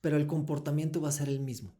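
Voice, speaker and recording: Man with a dark voice. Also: fairly high pitch, flat delivery, quick pace. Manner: explanatory, acts out short dialogues with children. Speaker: guest, foundation founder. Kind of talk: earnest interview talk.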